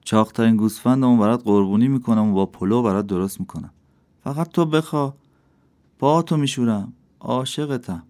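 A man's voice: medium pitch, a little mellow, lightly acted. A man voicing a poor, simple shepherd who prays in a fervent, doting way. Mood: adoring. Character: poor simple male shepherd, adoring and devoted.

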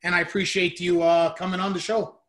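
A man's voice: high-pitched, little pitch movement, fairly quick, fairly bright tone. A man hosting a podcast, chatting casually about sports. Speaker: podcast host.

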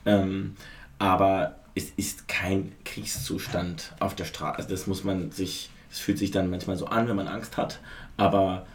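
Low-voiced man in a roomy space. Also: steady tone, measured pace, a little hiss or hum. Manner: thoughtful, hesitant, frank. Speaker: podcast guest, drag artist. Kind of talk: casual podcast chat.

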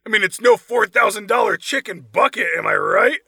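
A man's voice: high voice, animated, moderate pace, gravelly, sharp tone, breathy edge, no echo. A man hosting a podcast, giving sarcastic, profane comedic commentary while reading reviews aloud. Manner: sarcastic, swears freely. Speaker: podcast host.

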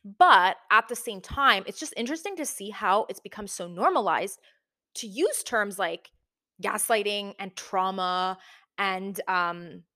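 An echoey, big-room recording of a young woman hosting a commentary video. She speaks informally at a middle pitch, as if thinking aloud, with plenty of "like" and "again". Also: measured pace, sharp tone. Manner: informal, conversational, frequent "like" and "again". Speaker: video host. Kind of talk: casual video essay commentary. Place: big indoor room with little furniture.

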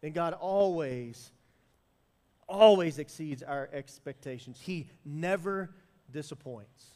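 A male pastor with a high-pitched voice delivers a sermon built around a personal story. He swings between loud, emphatic bursts and soft asides. A long reverb trails his words around the church hall. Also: takes it slowly.

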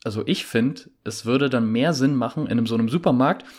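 A man's voice: medium pitch, brisk, a little mellow, husky. A young man co-hosting a podcast, chatting casually and rambling with many fillers and restarts. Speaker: podcast co-host. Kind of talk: casual chat.

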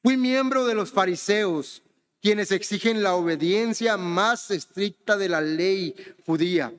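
A smooth, high voice, a little slow, carries a long reverb tail as a man from Honduras preaches conversationally. He regularly questions the congregation, asking "¿verdad?" and saying "hermanos."

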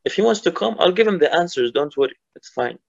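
A man in his twenties, a footballer and guest, talking calmly and reflectively in a casual interview. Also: fairly high pitch, fast talker, gravelly, highs cut off. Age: 20s. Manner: calm, reflective, motivational.

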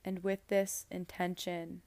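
A woman guiding a meditation in a slow, soft, soothing voice with long pauses. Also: on the low side, flat delivery, no echo. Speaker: meditation guide. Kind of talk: guided meditation.

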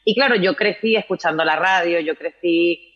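A woman from Spain with a Spanish accent, a writer and journalist chatting as a guest in an interview, animated and telling stories with frequent tag questions. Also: on the low side, moderate pace, lo-fi sound. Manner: warm, animated storyteller with frequent "¿no?". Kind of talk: casual interview chat.

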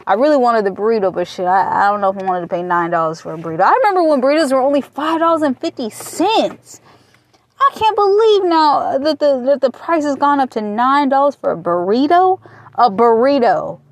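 Here the same Michigan podcaster in her late twenties sounds high-pitched and animated, talking fairly fast. She rambles candidly through a casual personal monologue while waiting at a taco shop, swearing offhandedly along the way.

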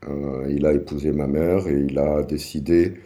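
A man in his forties with an extremely low voice and a deeply dark timbre. He is an interview guest telling his life story, halting with fillers and restarting his sentences as he searches for words. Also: steady tone. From Paris suburbs, France. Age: 40s. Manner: hesitant, many fillers and restarts.

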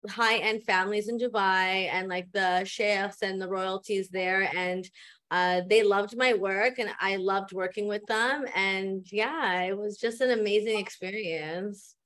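A woman from Canada, a guest on a podcast, telling her story in a relaxed way with many fillers. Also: mid-range voice, unhurried. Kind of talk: casual interview storytelling.

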